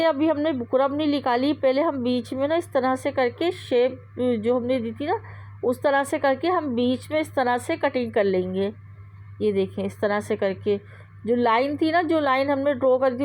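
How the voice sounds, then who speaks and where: A woman's voice: high voice, darkish tone, low-quality recording. A woman hosting a sewing tutorial, explaining step by step in a chatty, repetitive way with frequent fillers. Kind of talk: casual step-by-step instruction.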